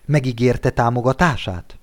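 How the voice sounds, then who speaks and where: A man's voice: medium pitch, lightly acted. A man doing a cold, arrogant young charmer. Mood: contemptuous. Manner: phlegmatic, contemptuous.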